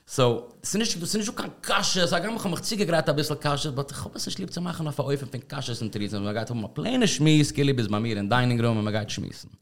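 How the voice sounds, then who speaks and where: Podcast host guy in his studio, rambly casual chat, throws in english words, mid pitched voice. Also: animated, fast, gravelly, few pauses.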